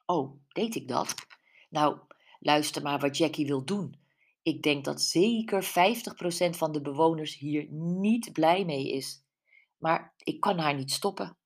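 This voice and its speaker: A woman's voice: low voice, unhurried. A woman putting on Karen, a confident village announcer. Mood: confiding. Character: woman welcoming a village crowd, lively and confident.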